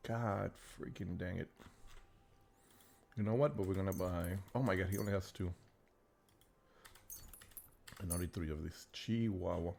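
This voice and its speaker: A deep, low-pitched man streams a game and rambles to himself in easy, casual commentary, now and then cursing mildly. Bird calls and countryside game sounds run clearly under his voice. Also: fast talker, few pauses, a little mellow, a little hiss or hum. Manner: chatty, thinking aloud, mild cursing. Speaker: gaming streamer. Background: game sounds of birds and countryside.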